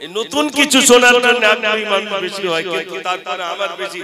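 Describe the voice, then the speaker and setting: A man singing devotional Islamic ghazals at a religious gathering with long, drawn-out lines, breaking off to make brisk spoken appeals to the crowd for donations. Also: high voice, expressive. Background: music.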